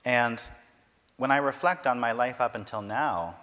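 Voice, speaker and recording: A man interpreting a talk consecutively, in steady and careful formal phrasing. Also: mid-range voice, unhurried. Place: large university lecture hall. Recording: long hall reverb.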